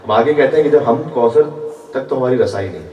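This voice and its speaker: A male guest preacher gives a sermon at a religious gathering, weaving chanted quotations into his explanations. His voice is medium-pitched and darkish, and the lo-fi recording was captured from far off in an echoey large hall.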